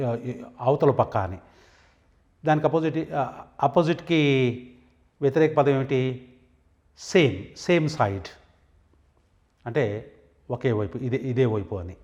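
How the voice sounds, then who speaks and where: A man teaching English vocabulary, slowly saying each word and then explaining what it means. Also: medium pitch, a little mellow. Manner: slow, deliberate, repeats and stresses each English word before explaining it. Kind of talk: vocabulary lesson.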